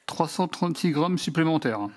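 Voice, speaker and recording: Man, French accent, fairly high voice, matter-of-fact, step-by-step product demo. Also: expressive, moderate pace, background noise. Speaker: DIY product reviewer. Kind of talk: hands-on product demonstration voice-over.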